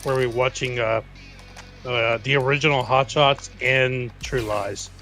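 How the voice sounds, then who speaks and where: A man with a gravelly, fry-heavy voice chats on a stream. He speaks haltingly and restarts often, with faint music behind. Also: mid-range voice, steady tone, bright, forceful tone. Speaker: stream guest. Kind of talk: casual chat.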